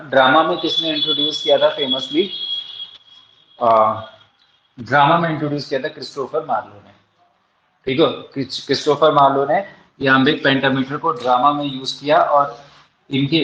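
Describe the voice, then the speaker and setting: A man's voice: mid-range voice, fairly bright tone, a little hiss or hum. Man teaching exam questions in an echoey room. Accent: Indian English. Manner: drills students with rhetorical questions, answers them himself. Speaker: English literature teacher. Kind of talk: exam-prep lecture. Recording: echoey, dull lo-fi room sound.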